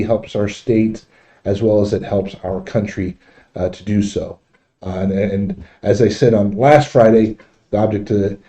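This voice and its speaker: A man hosting a casual, unscripted livestream, speaking in a halting, repetitive way, recorded in dull, muffled audio. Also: on the low side, dark tone. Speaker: livestream host.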